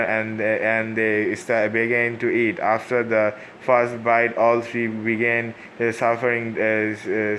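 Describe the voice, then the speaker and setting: Halting, flat-voiced man reading a story. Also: lowish voice, slight background noise. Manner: halting, many fillers and restarts. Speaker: fan fiction reader. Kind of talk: reading fan fiction aloud.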